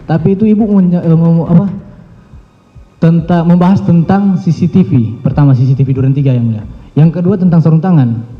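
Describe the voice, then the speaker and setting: Young man giving halting court testimony. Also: fairly high pitch. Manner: halting, repeatedly addresses the judge. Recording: dull audio in a long-reverb hall.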